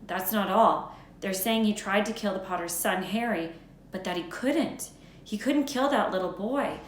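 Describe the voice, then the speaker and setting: A woman's voice: medium pitch, normal speed, voice pushed up, close to an everyday voice. An echoey, slightly hissy recording of an older witch professor played by a woman reading aloud. She is stern, incredulous and anxious, speaking with emphatic exasperation in a storybook style. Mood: shaken.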